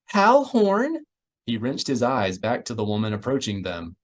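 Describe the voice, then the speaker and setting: The reader is a man narrating a science fiction audiobook from a script, voicing each character. His pitch is fairly low and he reads a little fast.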